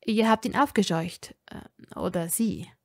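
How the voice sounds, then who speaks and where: A woman reading a fan audiobook, voicing a calm young wizard man who works as a lawyer, speaking low and measured. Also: gravelly. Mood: hushed.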